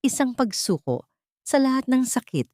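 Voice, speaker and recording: A woman acts as a storyteller, narrating a scripted dramatic tale in a high-sitting voice with big pitch swings, a moderate pace, and a slightly mellow quality. The sound is clean studio audio with no room sound.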